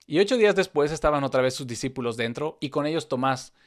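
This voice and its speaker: A man's voice: fairly high pitch, lively intonation, quick pace. Man reading and explaining scripture. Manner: reads scripture aloud, then explains it conversationally. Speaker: Bible teacher. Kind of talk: Bible reading and commentary.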